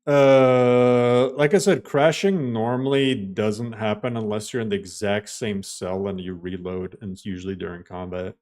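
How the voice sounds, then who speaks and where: A man with a fairly low, darkish, steady voice talks at a measured pace with hardly any pauses. He's live-streaming a game, casually explaining steps to viewers with lots of "like" fillers.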